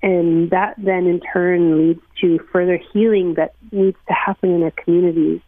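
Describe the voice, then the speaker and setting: A woman's voice: on the low side, flat delivery, moderate pace, dry recording. A woman from northern Manitoba, interviewed by phone, speaking earnestly and reflectively with many fillers. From northern Manitoba, Canada. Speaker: interview guest, executive director of a watershed alliance. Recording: tinny phone line.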